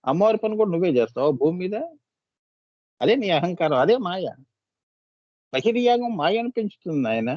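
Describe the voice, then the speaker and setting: A man's voice: high-pitched, sing-song, a little fast, long pauses, no room sound, dull audio. A man delivering a devotional discourse as a spiritual teacher, pressing listeners with rhetorical questions, coaxing and scolding.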